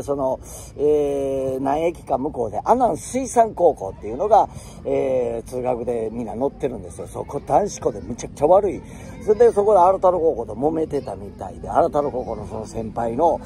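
A man's voice: mid-range voice, warm tone, a little hiss or hum. A man from Tokushima with a Tokushima dialect, telling childhood stories casually, acting out quoted voices and laughing often. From Tokushima, Japan. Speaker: host. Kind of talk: casual storytelling.

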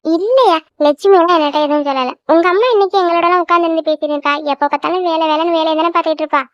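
A woman's voice: extremely high pitch, rapid-fire, no echo. A woman voicing a caring middle-aged village aunt in a cartoon, talking in a coaxing, insistent way. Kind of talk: cartoon voice acting. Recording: dull lo-fi dry recording.

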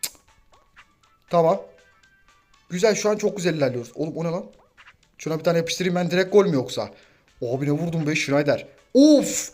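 A young man giving casual, excitable commentary over his own gameplay and teasing his teammates as he plays. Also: fairly high pitch, fast talker, faint music behind. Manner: excitable, banters and trash-talks teammates. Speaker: gaming YouTuber.

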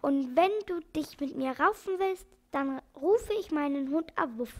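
A woman voicing a kind, gentle old male animal doctor in a children's audiobook, calm but firm. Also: high voice, a little slow. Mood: firm, protective.

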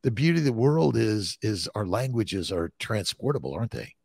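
An older man hosting an interview podcast, who asks his questions haltingly with many "uh"s and restarts. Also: lowish voice, big pitch swings, gravelly, darkish tone, slightly rough, dry recording, studio quality. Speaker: podcast host, doctor. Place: studio, indoors. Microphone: large studio mic with headphones.

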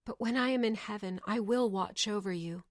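Brief: gentle fading fairy-tale mother, hushed and loving, read by a woman. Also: mid-range voice, normal speed, no room sound, clean studio sound, lightly acted. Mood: tender. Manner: soft, tender.

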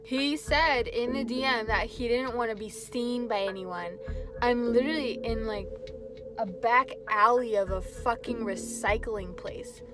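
A woman's voice: on the high side, unhurried, over music. A young woman venting to camera in a casual vlog, exasperated and swearing freely. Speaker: vlogger's girlfriend.

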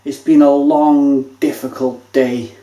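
A man's voice: medium pitch, slow pace. A man in his thirties casually reviewing a beer at home, chatting as he tastes and describes it. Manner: relaxed and chatty, savoring and describing each sip. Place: home kitchen, indoors. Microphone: camera mic at table distance. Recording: echoey kitchen room sound.

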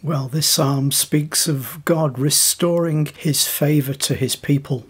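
A man preaching a devotional sermon in a calm, measured teaching tone. His voice is a little husky and sits slightly high for a man.

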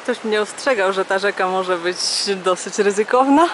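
A woman's voice: mid-range voice, normal speed, slight background noise. A young woman narrating her hike on a mountain trail in a casual way. She explains the sights as she walks, recorded on a handheld camera outdoors. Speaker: hiker vlogger.

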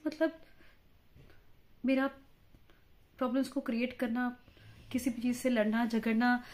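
A woman's voice: a little high, a little mellow, natural voice. A woman playing a chatty, quarrelsome married mother in a comic monologue, fawning and talkative as a job candidate for a news anchor post. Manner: chatty, fawning toward interviewer, mixes English words into Hindi.

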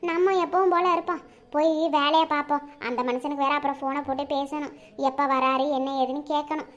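A woman voicing a quick-tempered village wife in a cartoon, exclaiming loudly with a Kanyakumari Tamil accent. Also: steady tone, lightly acted. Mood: grumbling. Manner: shrill, exclaiming.

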